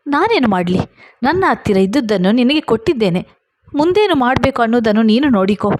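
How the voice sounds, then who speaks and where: A woman's voice: medium pitch, fairly quick, darkish tone, close to an everyday voice. A woman voicing a distraught young wife in a read-aloud story, pleading and emotional. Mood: heated, defiant.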